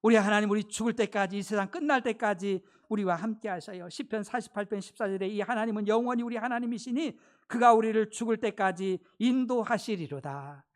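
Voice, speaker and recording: A pastor preaching a sermon in church, emphatic, repeating phrases, with sudden shifts between loud declarations and quiet asides. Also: mid-range voice, a little fast, hardly any pauses.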